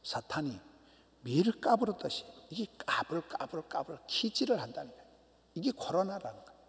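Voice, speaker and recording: A middle-aged man delivers a sermon in a slightly high, gravelly voice. His delivery swings widely, from shouted emphasis to hushed near-whispers. The sound rings with the long reverb of a church sanctuary. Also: big pitch swings, normal speed. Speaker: pastor.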